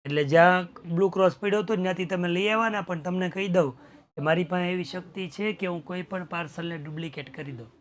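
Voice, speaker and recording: A man's voice: sits high, quick pace, slight background noise. A young man teaching a class, explaining a story with dramatic retellings and switching between languages.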